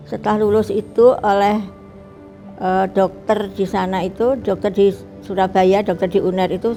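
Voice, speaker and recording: Older woman, mellow and unhurried. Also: mid-range voice. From Bali, Indonesia. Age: 70s. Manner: unhurried, reflective, with many pauses and restarts. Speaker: retired eye doctor and professor. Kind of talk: recorded interview, personal reminiscence.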